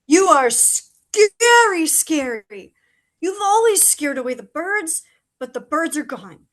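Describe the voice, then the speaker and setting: A woman's voice: sits high, very animated, moderate pace, pitched above the performer's own voice. A woman voicing a frightened, desperate crow who pleads and grows breathless. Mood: pleading. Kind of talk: audio drama reading.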